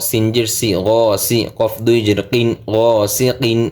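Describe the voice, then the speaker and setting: A man's voice: mid-range voice, flat delivery, unhurried, darkish tone. A man teaching Quran recitation word by word, patiently spelling out letters and vowel marks, then chanting each verse.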